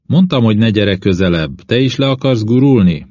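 A man reading an audiobook, voicing an injured male explorer who calmly reassures and gives careful directions. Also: lowish voice, no room sound. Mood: urgent calling. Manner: reassuring, explains directions patiently. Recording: dull lo-fi dry audiobook recording.

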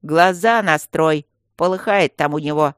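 A reader voicing a sly, gruff stone guardian who growls and coaxes by turns. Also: medium pitch, expressive, measured pace, no room sound, studio quality. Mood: barking. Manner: growling, fussy, coaxing.

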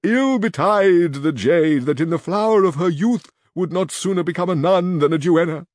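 A man's voice: high-pitched, moderate pace, darkish tone, no echo, studio quality, lightly acted. A man reading aloud and voicing a distressed noblewoman with florid, lamenting speech.

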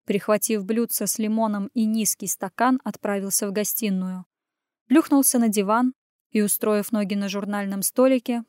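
A woman reading a first-person audiobook as a male hero, in a gruff, sardonic way. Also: medium pitch, a little mellow, no echo, clean studio sound. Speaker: audiobook narrator. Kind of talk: scripted first-person narration.

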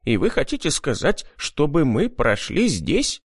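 A man's voice: fairly high pitch, huge pitch swings, measured pace, breathy edge, no echo, clean studio sound, pitched above the performer's own voice, heavily acted. A man voicing a frightened older male professor who squeals in panic, in an audiobook. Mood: uneasy.

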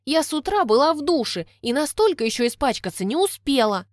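A young woman reading an audiobook, voicing a defiant heroine who clips her words in a crisp, mocking way. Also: high voice, big pitch swings, fairly quick, dry recording, clean studio sound, pitched above the performer's own voice. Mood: indignant.

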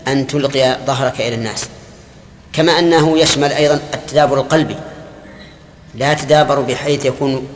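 Older sheikh, lesson style, term-by-term explainer, echoey long-reverb hall. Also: male voice, medium pitch. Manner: explains term by term, quizzes students, Gulf colloquial asides. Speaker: sheikh teaching hadith commentary. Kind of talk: classical lesson explaining a hadith. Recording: echoey hall, faint room hiss.

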